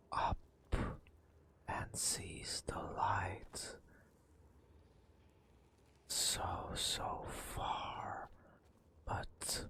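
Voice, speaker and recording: In a low, breathy whisper, a man narrates a fantasy game as hushed ASMR storytelling, using dramatic, storyteller-style phrasing and pauses.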